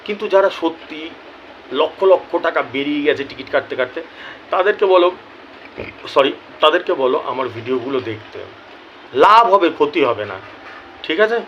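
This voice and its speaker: A chatty Bengali man with a bright, forceful voice pitched a little high, talking casually to his viewers and clearing a troubled throat now and then. He keeps checking in with his listeners and sounds apologetic. A faint hiss of background noise sits under him. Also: expressive, moderate pace, pauses often, dull audio. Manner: chatty, repeats "ঠিক আছে?", apologetic. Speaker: lottery result channel host.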